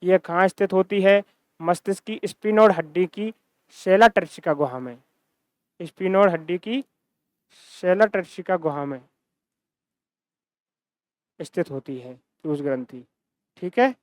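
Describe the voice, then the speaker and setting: A man's voice: high-pitched, lively intonation, a little slow, pauses often, dry recording. A man teaching a science lecture, repeating key terms and asking and answering his own questions. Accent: Hindi-speaking Rajasthan region. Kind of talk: recorded classroom-style lecture.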